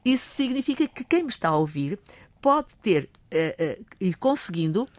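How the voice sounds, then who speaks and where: Lively older Portuguese woman teacher. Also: mid-range voice, dry recording. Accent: European Portuguese. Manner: lively, acts out examples, admits speaking fast. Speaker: guest speaker, Portuguese teacher. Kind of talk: explanatory talk on public speaking.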